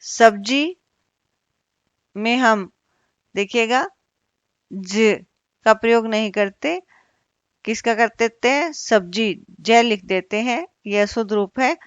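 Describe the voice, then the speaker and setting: A woman teacher giving an online Hindi grammar lesson, repeating each word slowly and asking the class questions. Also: on the high side, smooth, no room sound, lo-fi sound.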